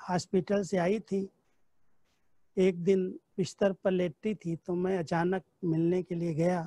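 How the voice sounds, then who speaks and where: A man leads a devotional class, weaving in personal stories and recalling conversations as he goes. His voice is mellow and relaxed, with a dry, close sound. He speaks in a steady teaching cadence. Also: high-pitched, unhurried, no echo. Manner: storytelling, recounting dialogue from memory. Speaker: spiritual teacher giving a class.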